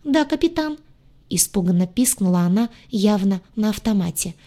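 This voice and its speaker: A woman's voice: medium pitch, steady tone, brisk, mellow, lightly acted. A woman voicing a hysterical young redheaded woman who shrieks through tears. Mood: scared squeak. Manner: shrieking, tearful.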